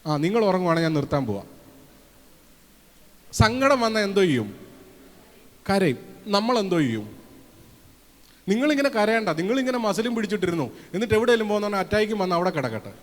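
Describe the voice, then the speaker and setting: A man from Kerala preaches in a fairly high voice, lively and full of questions thrown out to the congregation. He acts out the voices he quotes as he goes. The sound rings with a long reverb from a church hall. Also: fairly quick, pauses often. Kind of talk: sermon.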